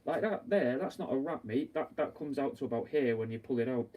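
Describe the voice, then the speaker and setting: A man's voice: mid-range voice, expressive, brisk, mellow. A young man, a taxidermist chatting bluntly and rambling while he works, swearing often. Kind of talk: casual chat while working. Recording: distant mic with faint background noise.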